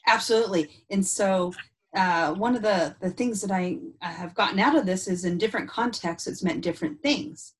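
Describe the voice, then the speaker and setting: A woman co-hosting a podcast, talking through ideas thoughtfully in casual chat with easy laughs. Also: on the low side. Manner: thoughtful, unpacks ideas aloud with frequent "and so" restarts; laughs easily. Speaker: podcast co-host.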